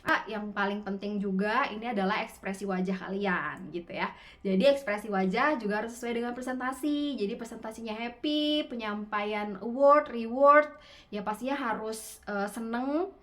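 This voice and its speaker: Brief: female public speaking coach on a webinar mic, relaxed and chatty, lifts and drops her intonation often. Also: on the high side, normal speed. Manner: lively rising and falling intonation; gestures constantly with her hands. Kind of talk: online webinar talk.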